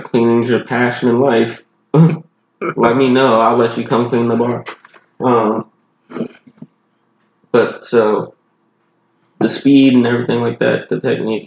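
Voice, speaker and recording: In lo-fi audio with a roomy sound and slight background noise, a groggy-voiced Southern bartender chats casually as a podcast co-host. He rambles loosely about his job, swearing now and then, in a medium-pitched voice with vocal fry.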